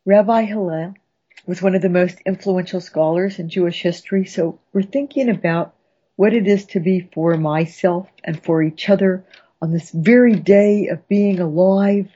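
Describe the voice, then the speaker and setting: A woman hosting a radio poetry show, reading and reciting poems with slow, dramatic relish. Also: fairly low pitch, dark tone, breathy edge, dull audio. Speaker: radio host and poetry professor.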